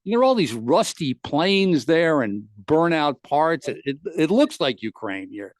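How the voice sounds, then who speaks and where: In a podcast studio, a man with a slightly high voice spins a lengthy funny story at a measured pace. He's the show's host and brings the tale to life by performing everyone else's lines himself, captured in a dry recording.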